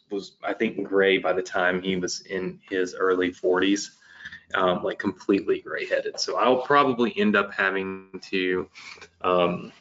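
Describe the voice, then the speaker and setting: The host of a live business webinar, a man in his late thirties, has a low voice with a fairly bright tone. He talks casually and loosely, doubling back with lots of fillers and restarts, and the dull, lo-fi stream audio suggests a webcam setup at his home desk.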